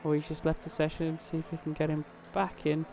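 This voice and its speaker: Sounding worn out, this fairly high-voiced man calls a sim race live in a monotone, a little quickly. He keeps it laid-back and talkative, addressing viewers and drivers directly, while his stream microphone picks up clear background noise.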